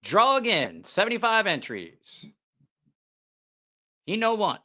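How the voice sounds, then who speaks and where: A man's voice: high voice, wildly swooping pitch, slow pace, sharp tone. A man hosting a casual livestream in a hyped giveaway-announcing manner, rambling and repeating his phrases. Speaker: livestream host running a giveaway. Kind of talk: casual live-stream chat.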